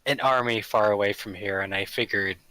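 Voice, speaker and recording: A man's voice: on the low side, fairly even intonation, a little fast, bright, forceful tone, dry recording, pitched below the performer's own voice, low-quality recording. A man voicing an awkward, evasive young man affecting an older voice, young but worn, in a tabletop role-play.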